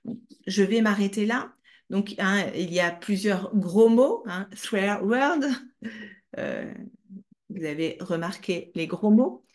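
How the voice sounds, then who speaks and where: A woman's voice: medium pitch, takes it slowly. A woman hosting a book club, reading a novel aloud with dramatic, emotionally charged delivery.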